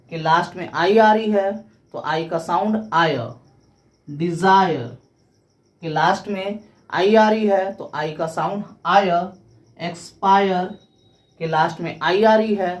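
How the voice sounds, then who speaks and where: A woman's voice: fairly low pitch, slow, long pauses. A woman teaching English pronunciation, explaining rules step by step and spelling words out letter by letter.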